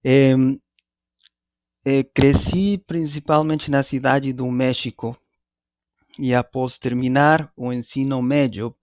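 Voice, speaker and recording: A man in his forties from Mexico, speaking with a Mexican Spanish accent as a non-native speaker, answering as a guest professor in a deliberate way, searching for his words. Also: mid-range voice, steady tone, a little mellow, dry recording, studio quality. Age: 40s. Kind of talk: conversational interview answer.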